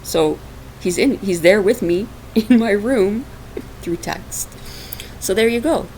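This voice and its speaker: Talking slowly in a mid-range, darkish voice, a Portuguese podcast host and minister keeps her spiritual show casual and chatty, laughing often and filling space with fillers. The sound is rough: a raw home recording with faint hiss, made on a laptop microphone on her lap in a dark, hot room.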